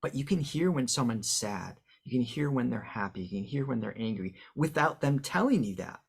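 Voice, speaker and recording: A man's voice: mid-range voice, lively intonation, normal speed, vocal fry, breathy edge. A man, a voice coach and guest on an interview podcast, explaining how speech and singing work through examples, with the odd filler.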